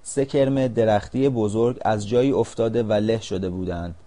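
A man narrating a storybook in a calm, measured reading voice. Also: lowish voice.

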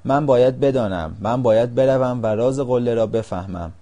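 A man's voice: lowish voice, dark tone, highs cut off, close to an everyday voice. A man voicing a restless, curious striped caterpillar in a storybook, speaking earnestly. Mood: determined.

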